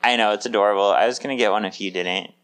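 Lowish guy co-hosting a fan podcast, chatty, laughs a lot, gets excited. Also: rapid-fire, clean tone. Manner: laughs often, animated bursts of excitement. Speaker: podcast co-host. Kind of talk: casual chat.

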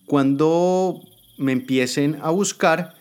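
A man's voice: on the high side, takes it slowly, clean tone, voice pushed up. A man voicing a frightened, captive woman adviser who protests and pleads, in a dramatic spoken story. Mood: pleading. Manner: pleading, indignant.

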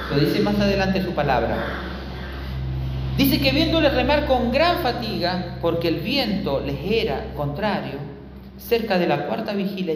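Preacher, lively swooping delivery, sermon in a reverberant church hall. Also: mid-range voice, background noise. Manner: animated, repeats phrases for emphasis, addresses the congregation directly. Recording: echoey hall with long reverb.

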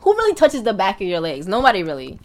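A woman's voice: medium pitch, huge pitch swings, quick pace. A woman in her twenties co-hosting a podcast, blunt and slangy, laughing often in casual chat. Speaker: podcast co-host.

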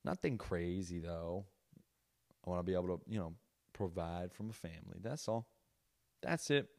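A young man with a lowish voice riffs on a comedy podcast. He swears freely and breaks into loud bursts of mock outrage. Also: moderate pace, creaky. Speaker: podcast host. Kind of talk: casual comedic rant.

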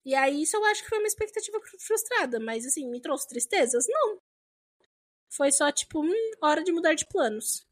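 A young adult woman talks casually as a podcast co-host. Her voice sits high and swoops all over the place. She speaks in an animated, expressive way. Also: fairly quick. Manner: lively, acts out quoted dialogue in exaggerated voices. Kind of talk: casual chat.

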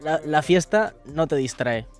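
A man's voice: a little high, expressive, a little slow, soft background music. A man with a Spanish accent from Spain, co-hosting a podcast and asking long rambling questions full of fillers. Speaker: podcast co-host. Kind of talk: casual podcast interviewing.

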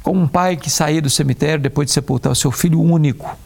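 A man, a preacher talking about faith and grief in a measured way, slowing down to stress key words. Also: on the high side, vocal fry, a little mellow.

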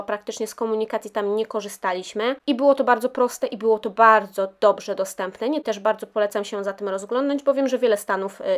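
A young woman talks through her travel stories on a casual podcast. She is chatty and loose, with frequent fillers and restarts. Her voice sits at an ordinary middle pitch. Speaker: podcast host.

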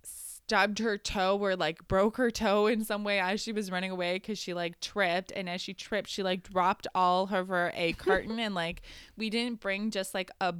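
A woman's voice: medium pitch, fairly even intonation, moderate pace, a bit bright, clean tone, no room sound, studio quality. A young woman co-hosting a podcast, telling a story in casual chat, laughing often and leaning on "like". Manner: giggly, many "like" fillers. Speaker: podcast co-host.

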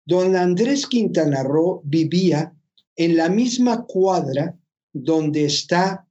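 A speaker in casual talk adding curious historical details in a measured way, with fillers. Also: mid-range voice, animated, mellow, highs cut off.

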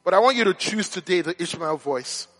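A man preaching a sermon with impassioned, repeated rhetorical questions that rise to shouted appeals. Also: high-pitched, expressive, a little fast.

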